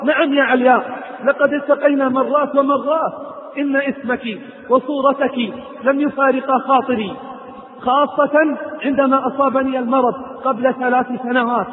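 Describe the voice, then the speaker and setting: Remorseful, gravely ill woman, read by a male preacher; very high voice, phone-like sound. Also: fairly even intonation, moderate pace, reverberant, in a large hall, slight background noise. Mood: pleading, remorseful.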